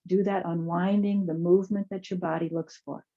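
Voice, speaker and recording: Female yoga instructor, lowish creaky voice, soft unhurried guided-relaxation delivery, slightly muffled lo-fi recording. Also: level tone. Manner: soft, soothing, unhurried guidance with pauses. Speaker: chair yoga teacher.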